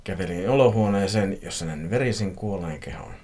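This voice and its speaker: A podcast host reading a listener's horror story aloud, playful and joking between passages. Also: male voice, deep voice, mellow. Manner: playful, laughs at his own reading.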